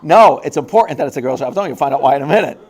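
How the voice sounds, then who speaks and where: A rabbi telling a self-deprecating funny story to a school audience, animated and laughing as he goes. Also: mid-range voice, racing. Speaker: rabbi giving a talk at a high school. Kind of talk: humorous personal storytelling.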